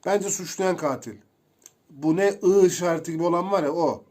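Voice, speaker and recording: A young man giving casual, excitable commentary while playing a video game, chatting to his viewers as he goes. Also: high-pitched, moderate pace. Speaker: gameplay streamer.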